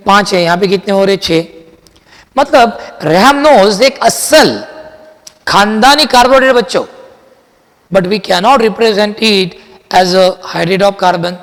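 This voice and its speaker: High-voiced male teacher, slow dictation. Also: a bit bright, big-room sound. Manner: switches between Hindi and English, repeats key lines slowly for dictation; addresses students as children, asks and answers his own questions. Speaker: chemistry teacher. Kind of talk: classroom lecture.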